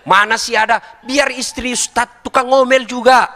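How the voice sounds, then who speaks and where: A man's voice: very high voice, moderate pace, in a large hall. A middle-aged man giving a humorous sermon, joking and speaking straight to the audience. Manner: lively, joking, addresses the audience directly. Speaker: preacher.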